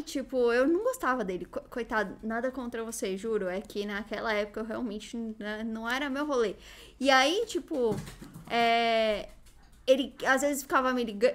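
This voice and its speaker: This is a woman in her thirties from Brazil, chatting as a channel co-host with a high, bright voice. She tells her stories in an animated, quick way. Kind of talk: casual chat.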